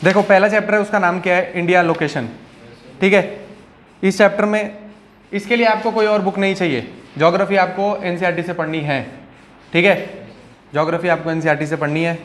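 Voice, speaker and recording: A man's voice: high voice, fairly even intonation, brisk, long pauses, fairly bright tone, a little hiss or hum. A male teacher giving a classroom lecture in a conversational way, often checking in with his students.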